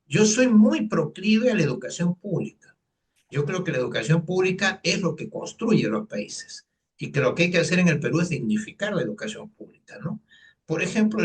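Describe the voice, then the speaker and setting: A fairly high-pitched male voice comes through a distant mic. He's a Peruvian economist in his sixties, from Lima and with that city's Spanish accent, sharing his life story earnestly as an interview guest and leaning on many fillers.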